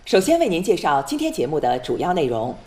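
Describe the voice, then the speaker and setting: A woman's voice: deep voice, wildly swooping pitch, brisk, mellow. A woman reading scripted news as a formal Chinese news anchor, composed and precisely enunciated in standard mainland Mandarin.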